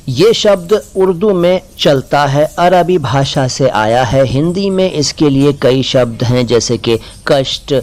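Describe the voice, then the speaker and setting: A man with an Indian Hindi-Urdu accent hosting a short pronunciation lesson, speaking clearly and deliberately, stressing and repeating words. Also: mid-range voice. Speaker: language teacher and channel host.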